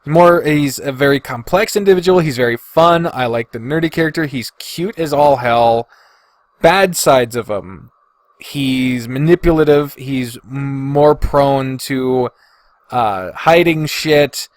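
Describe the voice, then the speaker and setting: Slow and medium-pitched, this podcast host talks alone in a dry recording, mulling things over with hesitation, sighs and plenty of profanity as he thinks aloud casually.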